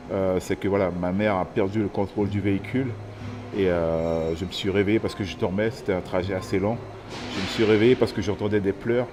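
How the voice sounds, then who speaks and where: A man in his thirties from French Guiana gives a personal testimony, thoughtful and pausing often as he searches for words. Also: on the low side. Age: 30s. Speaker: interviewee.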